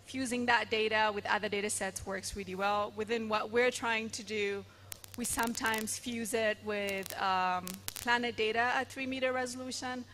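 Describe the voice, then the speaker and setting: A woman on a conference panel stage, talking through her points in a measured, explanatory way. Her voice is bright and forward, with a faint hiss of ambience behind it from the hall. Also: mid-range voice. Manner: explanatory, measured, occasional fillers.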